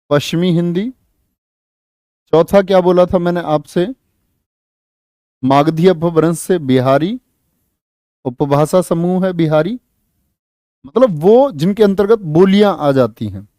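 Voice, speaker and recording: A man's voice: high-pitched, mellow, no room sound, studio quality. A man teaching an online exam-prep class, quizzing students and reading out their answers. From India. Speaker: Hindi teacher.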